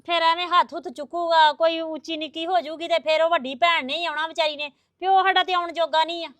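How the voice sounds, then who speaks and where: Soft placating daughter-in-law woman plays her, gentle and quiet, very high. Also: steady tone, fast, dry recording. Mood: soothing. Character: meek, soothing young daughter-in-law.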